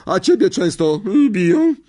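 A man voicing a loud, bossy, bullying middle-aged aunt with a barking, scolding manner. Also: high-pitched, very animated, a little slow, pitched above the performer's own voice, exaggerated voice.

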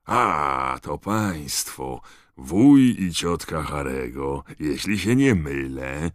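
A man voicing an excitable middle-aged wizard father who is curious and fussy, in an audiobook. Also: no room sound, studio quality, heavily acted. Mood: apologetic, fussy. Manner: high-pitched, wondering, drawn-out exclamations. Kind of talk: audiobook character voice.

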